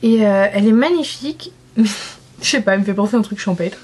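A woman's voice: medium pitch, fast talker, darkish tone, breathy edge. A young woman from France chatting casually through a makeup swatch review, enthusiastic and self-mocking. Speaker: beauty vlogger.

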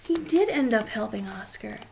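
In a small indoor room, a woman in her thirties reads a children's story aloud with plenty of expression and puts questions to her young listeners. Her voice is fairly high and gravelly with a darkish tone, and she speaks at a normal speed with lively intonation.

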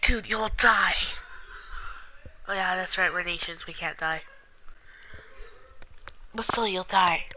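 A woman's voice: fairly low pitch, steady tone, unhurried, long pauses, bright, forceful tone, slight background noise, low-quality recording. A woman chatting casually and scatteredly, thinking aloud and giggling, sometimes dropping to a mutter while she checks her phone. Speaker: roleplay fan vlogger. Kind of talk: casual rambling chat.

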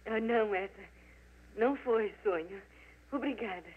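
An actress dubbing an anxious, suspicious baroness in an old film, stammering and hesitant. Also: female voice, medium pitch, a little slow, lightly acted. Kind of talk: 1940s Brazilian Portuguese film dub. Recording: tinny old film dub with hiss.

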